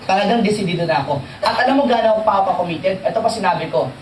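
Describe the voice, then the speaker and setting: Animated man training a crowd. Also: high-pitched, quick pace, a little hiss or hum. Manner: animated, jokey, quizzes the audience. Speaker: seminar trainer. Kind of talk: motivational training talk. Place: seminar hall with audience. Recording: echoey hall, distant mic, faint crowd.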